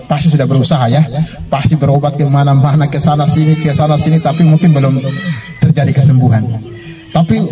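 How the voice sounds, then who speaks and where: Male preacher, casual storytelling sermon, chatty and jokey, mellow tone, far from the mic. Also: on the high side. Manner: chatty, laughing at his own jokes, acting out the characters.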